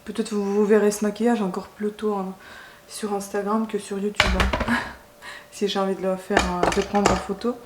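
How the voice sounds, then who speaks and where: A woman's voice: medium pitch, level tone, moderate pace. A woman in chatting casually as she does her makeup, often hesitating and correcting herself. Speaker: beauty vlogger. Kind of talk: casual makeup chat to camera. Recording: roomy echo, faint background noise.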